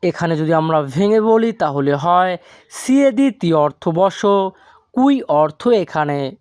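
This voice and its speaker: A man teaching a language lesson from a script, slowly and deliberately, drawing out each foreign word. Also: on the high side, a little mellow, clear, resonant tone, dry recording, studio quality. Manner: slow and deliberate, stretches out foreign words.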